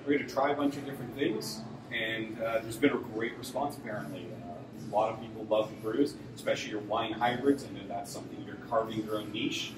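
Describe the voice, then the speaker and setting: A middle-aged man, interviewing a guest with brisk, friendly questions. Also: on the low side, fairly even intonation. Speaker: interviewer, tax credit consultant. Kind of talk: casual interview. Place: brewery taproom with concrete block walls. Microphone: camera mic from a few meters away. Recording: echoey room, distant mic, background noise.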